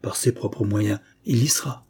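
A man's voice: fairly low pitch, unhurried, dark tone, breathy edge, exaggerated voice. A man voicing a bold, determined young Frenchman who speaks firmly and resolutely in a read-aloud story. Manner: firm and resolute.

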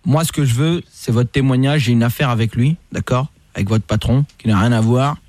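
A man playing a hot-tempered shouting police commissioner. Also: medium pitch, fairly quick, no echo, pitched below the performer's own voice, lightly acted. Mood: smooth, conspiratorial. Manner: barks orders, shouts and threatens. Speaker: prank caller, radio host. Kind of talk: prank phone call acting.

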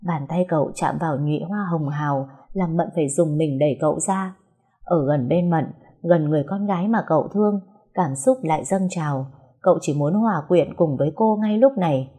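A woman narrating an audio story in a calm, even manner. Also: low voice, a little fast, breathy edge.

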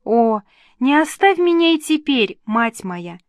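A woman's voice: fairly high pitch, very animated, slow pace, no room sound, clean studio sound, voice pushed up. Woman voicing a fervent young princess. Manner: exclaiming, fervent. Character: young princess, earnest and emotional. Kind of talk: audiobook reading.

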